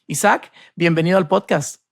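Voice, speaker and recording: A man's voice: a little high, moderate pace, vocal fry, no room sound, studio quality. A man from Costa Rica hosting a podcast, delivering a polished, upbeat scripted introduction and interview questions. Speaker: podcast host.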